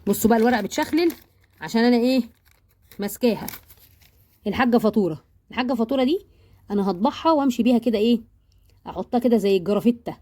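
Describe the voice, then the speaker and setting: A joking Egyptian woman talks her viewers through her baking purchases in a rapid, chatty run. Her voice sits fairly high but has a mellow warmth. She talks casually, like a home-baking vlogger. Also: lively intonation. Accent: Egyptian Arabic.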